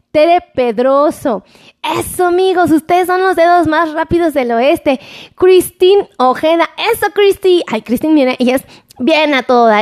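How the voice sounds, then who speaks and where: A woman with a Mexican accent hosting a casual health livestream, chatting playfully with viewers and greeting them by name, recorded on her phone. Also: high-pitched. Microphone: phone camera.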